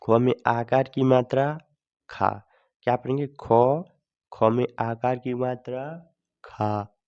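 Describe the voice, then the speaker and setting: A man's voice: medium pitch, darkish tone. A man teaching children to read letters, speaking patiently, repeating each sound and asking the class questions. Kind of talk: children's Hindi alphabet lesson. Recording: dull lo-fi sound.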